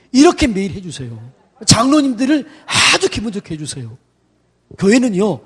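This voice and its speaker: A middle-aged man, a senior pastor, gives a chatty, lively sermon to church staff and acts out greetings in quoted voices. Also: sits high, husky. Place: church sanctuary.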